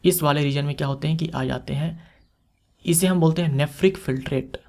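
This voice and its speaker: A man's voice: a little high, brisk, darkish tone. A man giving an exam-prep lecture, explaining step by step, repeating key terms and asking rhetorical questions. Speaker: teacher.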